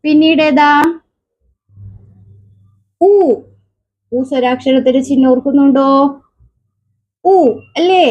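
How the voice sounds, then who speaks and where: A woman with a Keralan Malayalam accent teaching children letters. She asks question after question, answers them herself, and sounds out letters slowly. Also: sits high, highs cut off. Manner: slow, drawn-out sounding of letters. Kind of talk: children's alphabet lesson.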